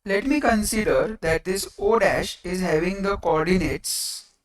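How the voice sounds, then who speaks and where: A teacher giving a step-by-step maths lecture in a deliberate way, pausing between short phrases. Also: medium pitch. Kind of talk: lecture explaining coordinate geometry step by step. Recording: distant microphone.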